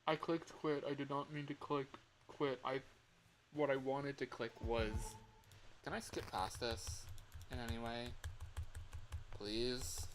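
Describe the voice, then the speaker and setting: Slow and full of long pauses, this livestreamer's medium-pitched, fairly even voice sounds worn and strained as he plays a game and rambles casually, often losing his thread. The poor audio carries a little hiss or hum, and loud game music sits behind him.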